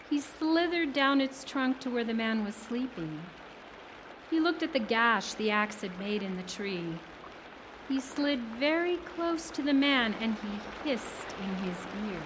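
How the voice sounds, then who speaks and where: Storybook narrator: a woman, unhurried, slightly high voice. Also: lively intonation, noisy background. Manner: slow, measured storytelling. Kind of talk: storybook read-aloud.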